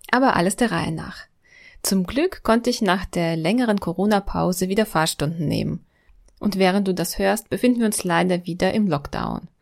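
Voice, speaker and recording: A woman's voice: medium pitch, a little mellow. Woman in her thirties telling a personal story. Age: 30s. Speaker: podcast host. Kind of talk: scripted first-person narration.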